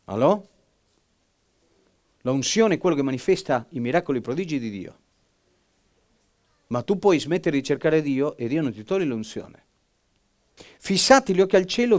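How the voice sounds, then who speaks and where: A man preaching a sermon and reading scripture with dramatic delivery, swinging from loud emphatic bursts to hushed, almost whispered lines. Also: a little high.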